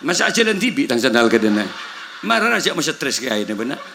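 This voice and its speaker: A man's voice: mid-range voice, sing-song, fast, vocal fry, noisy background. A man with a Madurese accent giving a comic sermon at a village gathering, telling jokey stories and acting out dialogue in several languages. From Madura, Indonesia. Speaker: preacher.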